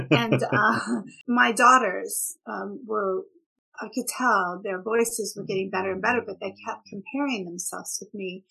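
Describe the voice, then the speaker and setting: A woman's voice: medium pitch, unhurried, vocal fry, pushed and bright, husky, rough recording. A middle-aged woman from Oklahoma, raised in Texas, with a Texan accent lightly polished by British stage work, chatting as an interview guest, talkative and often laughing. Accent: Texan with a slight British stage polish. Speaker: guest author. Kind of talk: casual interview chat.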